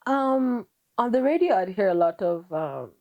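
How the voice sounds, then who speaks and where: A young woman from Kenya with an American-tinged accent, chatting candidly as a guest musician in a casual interview, quick and rambling with many fillers. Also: medium pitch, lively intonation, a little mellow, highs cut off.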